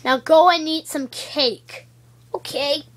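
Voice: high-pitched, steady tone, slow pace, fairly bright tone, a little hiss or hum. A child narrating an improvised toy-play story in a playful, rambling way, dropping into whispers between character voices. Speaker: child playing with toys.

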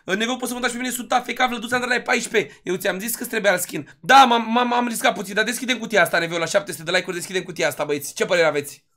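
A young man livestreaming a game, talking loudly to his chat, thanking donors and shouting with excitement at wins. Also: high voice, few pauses. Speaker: gaming livestreamer. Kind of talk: hyped livestream commentary.

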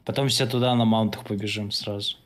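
Speaking a little fast in a lowish voice with fairly even intonation, a man directs an online game raid in casual voice chat. His instructions are blunt, bossy and profane, captured by an online voice-chat mic in slightly noisy audio.

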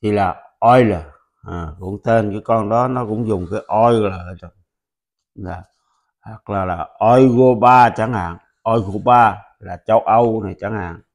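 A man whose first language is Vietnamese, patiently teaching a pronunciation lesson and repeating example words loudly. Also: lowish voice. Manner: patient, instructive.

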